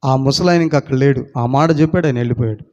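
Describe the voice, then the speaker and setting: A man's voice: mid-range voice, fast, darkish tone. A male pastor, preaching a sermon that tells a story and builds to fervent prayer. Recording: long hall reverb, dull lo-fi sound.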